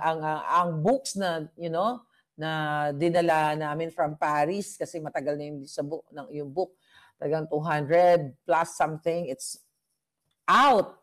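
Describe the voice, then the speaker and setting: A woman with a low-pitched voice tells a story to her viewers in a lively, gossipy vlog style. She is chatty, mixes in English phrases and laughs often between lines. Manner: animated and chatty, mixing in English. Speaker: vlogger.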